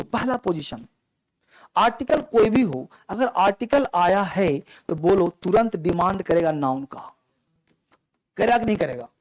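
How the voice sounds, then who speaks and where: High-voiced man teaching a grammar class. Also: no echo, low-quality recording. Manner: repetitive, coaxing, asks students questions. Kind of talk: classroom lecture.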